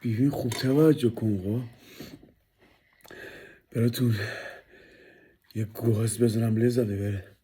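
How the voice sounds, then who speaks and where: A man's voice: medium pitch, steady tone, pauses often, warm tone, slightly rough. A man vlogging about his food in a casual, hyped-up way, talking straight to the viewers and sometimes dropping to a whisper. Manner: hyped and playful, drops to whispers over the food.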